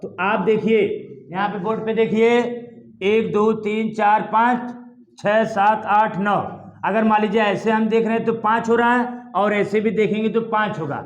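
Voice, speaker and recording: High-voiced guy teaching hindi at a board, keeps quizzing the class, echoey classroom. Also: normal speed, lo-fi sound. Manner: lively, repeats questions to students, calls them "dear child". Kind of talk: exam-prep classroom lesson.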